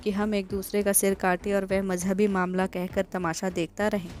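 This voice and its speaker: A woman's voice: medium pitch, little pitch movement, moderate pace, darkish tone, close to an everyday voice. A woman voicing an earnest young man in an audiobook, arguing patiently for unity. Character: young male villager pleading for unity, earnest.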